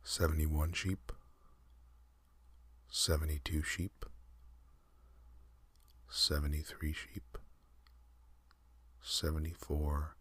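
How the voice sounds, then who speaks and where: A man telling a calm ASMR sleep story, counting in a soft, half-whispered, unhurried way. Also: a bass voice, husky, no room sound.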